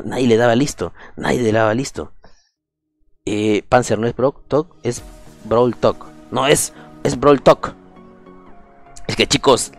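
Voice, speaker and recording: A man streaming a video game, chatting casually with his viewers and breaking into excited exclamations. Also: medium pitch. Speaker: gaming streamer. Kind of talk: casual livestream commentary.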